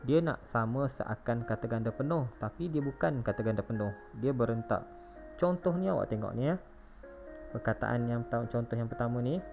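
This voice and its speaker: Gravelly Malaysian Malay schoolteacher. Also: male voice, medium pitch. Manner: patient, spells words letter by letter. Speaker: primary school teacher. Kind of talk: recorded classroom lesson. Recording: dull lo-fi recording with faint music.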